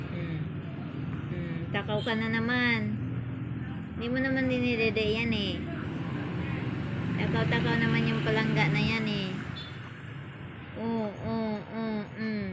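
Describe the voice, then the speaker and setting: Cooing mother, slow and gentle. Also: heavy background noise. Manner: cooing, playful, often high sing-song baby voice. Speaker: mother filming her baby. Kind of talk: casual baby talk.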